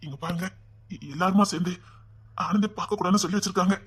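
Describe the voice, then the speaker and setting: A restless, lovesick police officer from an animated story, voiced by a woman, talking fast with a Tirunelveli accent and tripping over his words. The voice is husky and hurried. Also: on the low side. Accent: Tirunelveli Tamil. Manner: agitated, stumbling over words.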